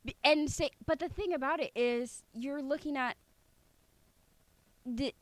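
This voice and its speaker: A woman guest in casual podcast chat, animated and slipping into mocking voices. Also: sits high, a little slow, no echo.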